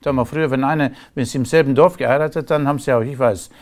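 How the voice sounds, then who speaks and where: A middle-aged Romanian man with a Romanian accent speaks in a mid-range voice with a darkish tone and fairly even intonation, racing along. He's a guest in a casual interview, talking in long emphatic runs and laughing between remarks.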